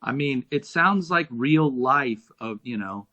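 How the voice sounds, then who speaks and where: A man with a mid-range voice, guesting on an interview about his jazz band. He speaks earnestly and turns animated when telling road stories. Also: medium pitch, slow pace, highs cut off. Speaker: touring jazz musician, guest. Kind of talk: casual interview.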